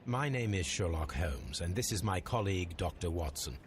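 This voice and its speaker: A calm, measured detective in a game. His voice sits a little low with lively intonation. He questions people in a composed, polite way. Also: slight background noise.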